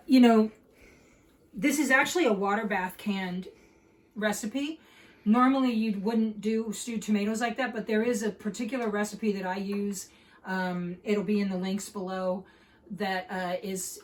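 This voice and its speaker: A woman's voice: mid-range voice, a little hiss or hum, low-quality recording. Chatty woman cooking at home. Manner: chatty, explains steps with many fillers. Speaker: home cook host. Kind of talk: casual cooking demonstration. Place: home kitchen.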